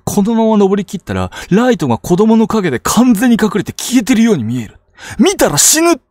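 A man narrating ghost stories on a live stream, dramatic, with hushed lows and sudden outbursts. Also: big pitch swings, brisk, no echo, studio quality. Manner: dramatic telling, hushed low asides rising to sudden outbursts. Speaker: ghost story teller.

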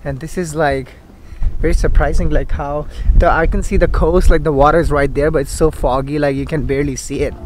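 A man's voice: a little high, steady tone, brisk, poor audio. A man in his thirties from India, chatting casually to a handheld camera outdoors and in a car as a travel vlogger, full of fillers. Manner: chatty, many fillers like "like" and "I mean". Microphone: handheld camera at arm's length.

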